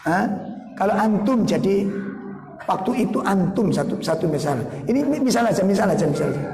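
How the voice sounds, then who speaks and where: A man preaching a sermon, telling stories lively with jokes and acted quotes. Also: sits high, brisk. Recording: echoey hall with light noise.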